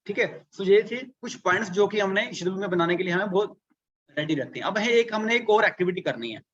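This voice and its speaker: High-voiced man coaching a live webinar. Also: expressive, brisk, a bit bright, muffled recording. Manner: repetitive, rhetorical questions, walks through arithmetic step by step. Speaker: online business coach. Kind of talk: live online workshop.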